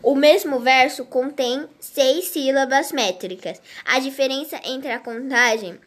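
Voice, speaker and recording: Woman, lesson reading, high voice, slow, halting with restarts. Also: fairly bright tone. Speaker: teacher. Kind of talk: reading a grammar lesson aloud.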